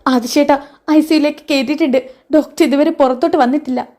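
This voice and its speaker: A devoted young policewoman choked with tears, pleading for someone she loves, as a woman reads her part in a serial recap. Her voice sits a little high and carries through sobs. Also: steady tone, fast talker, darkish tone, close to an everyday voice. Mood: anxious.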